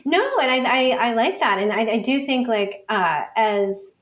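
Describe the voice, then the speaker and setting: A woman researcher appears as a podcast guest, speaking informally and conversationally and peppering her points with "like" and "you know." Her voice is on the high side, sing-song, and a little slow.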